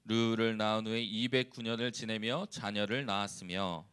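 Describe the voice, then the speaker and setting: Male evangelist, low clear voice, calm unhurried reading and preaching, some hesitation. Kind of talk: responsive scripture reading and sermon.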